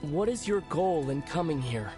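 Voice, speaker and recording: A man's voice: a little high, animated, moderate pace, music in the background, close to an everyday voice. A man playing an earnest young traveler, the hero of a fantasy video game, speaking tentatively. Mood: surprised, curious. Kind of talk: dramatic game voice acting.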